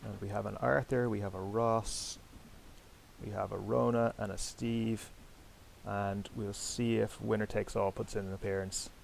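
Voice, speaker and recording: A man's voice: fairly low pitch, flat delivery, unhurried, gravelly, a little hiss or hum, low-quality recording. A man hosting and commentating online sailing races, chatty and self-deprecating, talking directly to his viewers. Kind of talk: live commentary over a sailing game.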